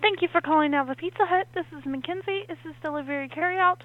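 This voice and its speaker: A woman's voice: very high-pitched, quick pace, no room sound, soft background music. A woman working the phone at a pizza restaurant, handling a customer service call over a phone line. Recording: tinny narrow phone line.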